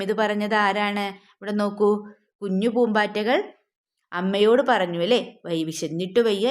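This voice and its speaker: A woman teacher going through a school question paper for young children, asking coaxing questions, answering them herself, and mixing English words in. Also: mid-range voice. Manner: asks and then answers her own questions.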